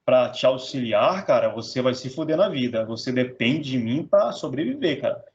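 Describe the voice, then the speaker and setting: A man's voice: mid-range voice, big pitch swings, normal speed, lo-fi sound, voice pushed down, natural voice. A man playing a smug course seller who talks down to students and scares them. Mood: condescending. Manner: condescending, fearmongering.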